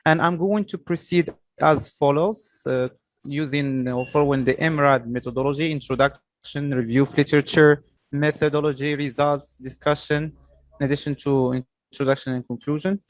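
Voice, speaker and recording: Young man presenting, haltingly. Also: on the high side, fairly even intonation, no echo. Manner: hesitant, halting delivery with repeated words. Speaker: student presenter. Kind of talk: academic presentation.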